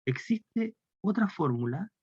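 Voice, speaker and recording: A man's voice: high voice, big pitch swings, slow pace, darkish tone, breathy edge, no room sound. A man lecturing on calculus with a Chilean Spanish accent, explaining step by step and posing questions to the class. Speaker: math lecturer. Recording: dry, dull lo-fi lecture recording.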